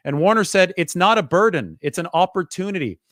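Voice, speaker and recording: A male sports reporter giving a quick, stat-heavy, conversational football analysis. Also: high voice, lively intonation, fairly bright tone, no echo, clean studio sound.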